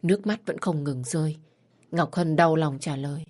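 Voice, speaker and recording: A woman narrating an audio story in a slow, grave way. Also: low voice, a little mellow.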